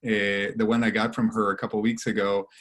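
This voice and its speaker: A man from Guatemala moderating an online church panel over a video call, speaking with frequent pauses and fillers. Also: on the low side, flat delivery. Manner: warm, hesitant with many fillers. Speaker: webinar moderator.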